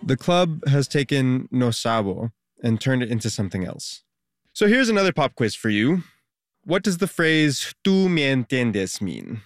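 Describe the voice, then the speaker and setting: A man reporting a public radio news feature in a lively, conversational way, quizzing the listener. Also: medium pitch, a little slow, dry recording, studio quality.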